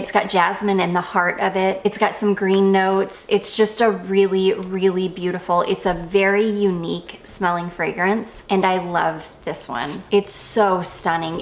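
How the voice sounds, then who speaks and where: A young woman with a voice of ordinary pitch and a slight gravelly fry gushes about fragrances in a relaxed, chatty way. She pokes fun at herself and keeps wandering onto side tracks. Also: unhurried, hardly any pauses. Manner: gushing, goes off on tangents, self-deprecating. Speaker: perfume reviewer. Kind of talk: casual review chat.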